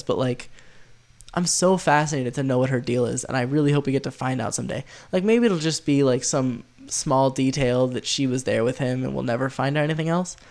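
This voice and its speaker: A man with a nasal, stuffed-up voice from being sick, chatting casually through a tier list in a rambling, excitable way. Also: mid-range voice. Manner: rambling, filler-heavy, easily excited. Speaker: video host.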